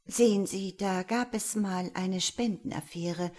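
A woman reading the lines of a quiet, reserved widow of a company boss in a crime story. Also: mid-range voice, measured pace, natural voice. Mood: hesitant. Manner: quiet and hesitant.

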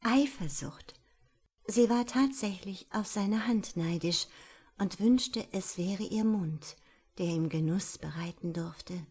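A woman reading an audiobook in a breathy, intimate manner, at times half-whispered. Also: mid-range voice, takes it slowly, a little mellow. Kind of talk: audiobook narration.

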